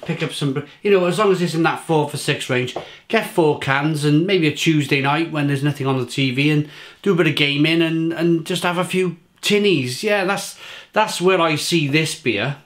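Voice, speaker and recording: A man's voice: a little high, moderate pace, a bit bright. A man with a British accent doing a casual beer review to camera, rambling through restarts and listing flavours with enthusiasm. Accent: British English. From England.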